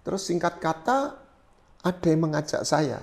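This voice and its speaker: A middle-aged man from East Java, a pastor telling his personal testimony in an interview, animated and swinging between loud and soft as he acts out his own prayers, with English phrases dropped in. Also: on the high side, normal speed, vocal fry. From East Java, Indonesia. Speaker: pastor, guest.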